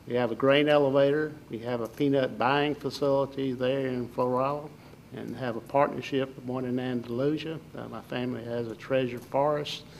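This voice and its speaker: An older man from southern Alabama with a Southern Alabama accent, giving folksy, halting interview answers as a political candidate. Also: medium pitch, steady tone, vocal fry, slight background noise, rough recording.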